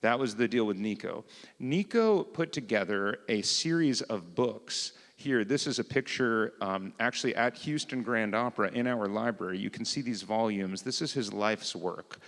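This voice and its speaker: A man's voice: fairly low pitch, normal speed, fairly bright tone. Male cantor lecturing in a reverberant hall. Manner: conversational, with many fillers. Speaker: cantor teaching an opera class. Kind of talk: informal lecture. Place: synagogue hall.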